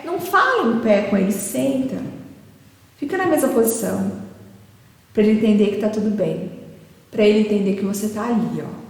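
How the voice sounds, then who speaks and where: A woman with a Brazilian Portuguese accent teaching caregivers in a didactic way, often checking in with her listeners through rhetorical questions. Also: a little high. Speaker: caregiving educator. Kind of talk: lecture to caregivers. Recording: echoey hall with long reverb.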